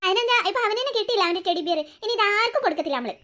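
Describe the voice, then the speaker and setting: A caring teen big sister, patient, explaining, very high voice, fast talk, cartoon. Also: female voice, expressive, sharp tone, full character voice. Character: caring teenage elder sister. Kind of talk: cartoon voice acting.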